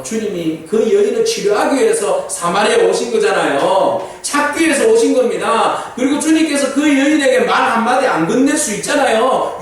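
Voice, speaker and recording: High, lively pastor in an echoing church. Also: male voice, slight background noise. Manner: asks the congregation rhetorical questions. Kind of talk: sermon. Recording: very echoey church hall, distant mic.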